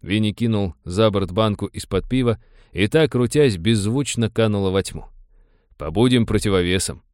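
Low-voiced man reading a sci-fi audiobook. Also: moderate pace, a little mellow, no echo, studio quality. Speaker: audiobook narrator. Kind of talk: scripted audiobook narration.

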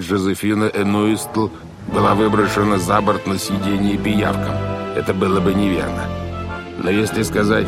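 A low, deep-voiced villainous sea captain, as a male reader puts him on, unhurried and coldly mocking. He threatens in an even, smooth tone over soft background music. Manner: calm, coldly mocking, menacing. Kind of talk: audiobook character voice.

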